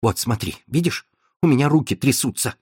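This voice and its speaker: A man reading an audiobook, voicing a frightened and furious young woman who scolds in shrill outbursts. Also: animated, a little fast, a little mellow, breathy edge, no room sound, studio quality. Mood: angry. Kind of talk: audiobook narration.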